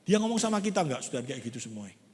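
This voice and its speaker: A man preaching a sermon, lively and conversational, acting out quotes. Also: medium pitch, racing. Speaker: pastor. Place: large church hall. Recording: long church hall reverb.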